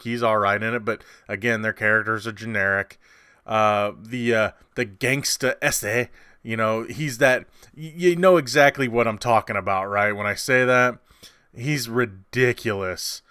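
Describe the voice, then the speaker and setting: A man's voice: mid-range voice, pushed and bright, smooth, no room sound, studio quality. A man hosting a casual movie review, rambling and conversational with many fillers and restarts, and sarcastic at times.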